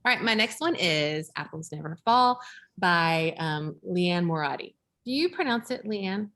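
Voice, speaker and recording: A woman who buys books for a shop, chatting over a video call in an animated way with quoted asides. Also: lowish voice, a little slow. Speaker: bookshop book buyer. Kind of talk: casual book chat over video call.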